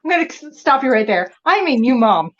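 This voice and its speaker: A young woman guest on a video call speaks in a wry, candid, joking way. Her voice is a little high. The audio is dull and lo-fi, like a muffled call line. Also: very animated, a little fast. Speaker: guest author. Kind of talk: casual interview chat.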